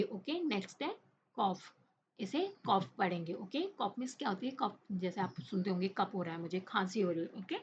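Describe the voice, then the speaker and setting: A woman teaching an English lesson in Hindi, mixing in English words, reading the English text slowly and checking in with "okay?" after nearly every line. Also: medium pitch. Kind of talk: classroom lesson explanation. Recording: dull lo-fi recording with faint noise.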